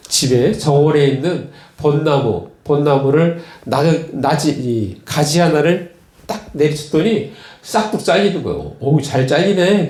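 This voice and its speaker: A man preaching in a roomy, echoing church, with a slightly high voice for a man. He tells stories in a loose, conversational way, pausing on fillers and repeating key words for the congregation. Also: warm tone. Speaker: pastor. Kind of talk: sermon.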